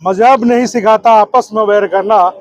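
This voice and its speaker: Speaking as a political activist and district committee member, a man answers in an oratorical style, building his points through repeated phrases and lists. His voice is high, with fairly even intonation and a moderate pace.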